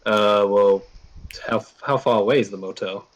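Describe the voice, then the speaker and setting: A man's voice: lowish voice, fairly even intonation, moderate pace, muffled recording. A man playing a tabletop game, casual and full of fillers. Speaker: player.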